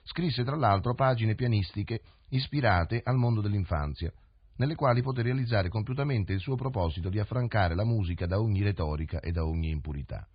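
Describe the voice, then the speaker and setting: A man giving a formal, measured radio announcement on a 1970s broadcast. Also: fairly low pitch, husky, dry recording. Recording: dull dry 1970s radio studio recording.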